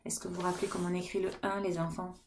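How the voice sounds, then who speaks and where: A woman teaching a remote lesson to kindergarten children, gently encouraging and counting aloud with them. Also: fairly low pitch, little pitch movement, very fast, slight background noise.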